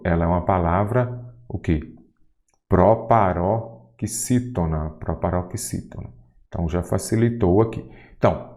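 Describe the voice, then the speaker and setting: A middle-aged Brazilian man with a fairly low voice teaches grammar by going through exam questions. He keeps asking rhetorical questions and then draws out each answer slowly. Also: darkish tone. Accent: Brazilian Portuguese. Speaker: Portuguese teacher.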